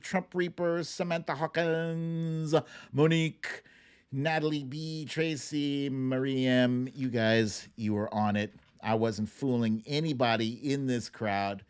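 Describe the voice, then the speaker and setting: Here a man with a high-pitched, smooth voice hosts a song-guessing livestream. He reads out viewer names and chats with his audience in a relaxed, playful, informal manner, chuckling between his remarks.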